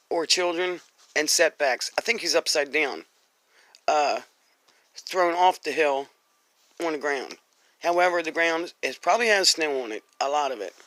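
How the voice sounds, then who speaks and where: A man's voice: on the high side, sharp tone, dry recording. A congested man giving a rambling, hesitant tarot reading full of fillers and restarts. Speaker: tarot card reader.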